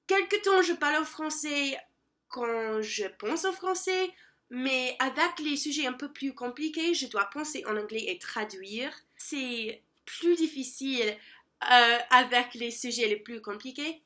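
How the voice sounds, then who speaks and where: Young American woman, English native, unhurried learner vlog, hesitant and self-correcting, fairly high voice. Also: expressive, sharp tone. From United States. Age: young adult. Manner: laughs at her own slips. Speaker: vlogger. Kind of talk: casual vlog in a learned language.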